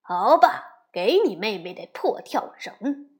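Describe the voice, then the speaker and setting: A woman voicing a cocky, tall bully boy bear who taunts and sneers loudly in a storybook reading. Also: fairly high pitch, sing-song, slow, full character voice. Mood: sneering. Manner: sneering, mocking, loud.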